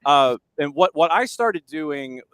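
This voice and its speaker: A radio show host with a slightly high, bright, expressive male voice speaks slowly in a casual interview, recorded clean with no room sound. He asks long, rambling, conversational questions, restarting often as he goes.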